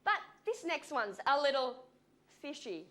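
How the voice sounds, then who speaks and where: A woman delivering a wry, animated comic monologue to a studio audience. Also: high voice, a little slow. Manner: animated, wry, breaks into laughs. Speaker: comedy segment presenter. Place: television studio with live audience. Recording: live studio with audible audience.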